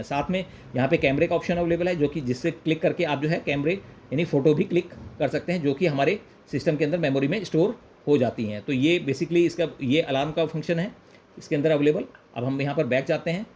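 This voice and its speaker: Here an Indian man whose voice is a touch high yet darkish in tone gives a casual product demonstration. Explaining each step, he repeats himself and mixes in English phrases, and the clip carries clear background noise along with room ambience.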